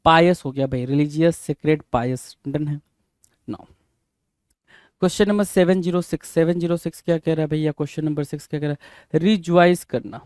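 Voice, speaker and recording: A man's voice: a little high, fairly even intonation, a little fast, darkish tone, clear, resonant tone, no echo, studio quality. A man teaching English vocabulary for exams, spelling words out letter by letter and prompting students with rhetorical questions. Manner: keeps asking "bhai?" as a rhetorical prompt. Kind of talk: exam-prep vocabulary lesson.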